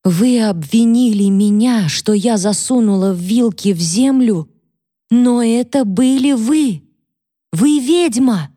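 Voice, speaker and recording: A woman voicing a frightened young maidservant who pleads tearfully and breaks into shrill accusations. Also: slow pace, warm tone, no echo, studio quality. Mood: frightened, accusing.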